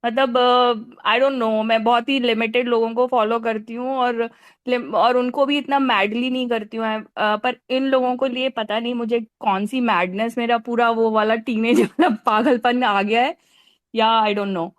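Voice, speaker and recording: Woman, forties, high bright voice, lively fan storyteller, close dry mic. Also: unhurried, dry recording. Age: 40s. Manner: animated, laughing often, mixing in English phrases. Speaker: fan recounting a celebrity meeting. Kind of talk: casual storytelling.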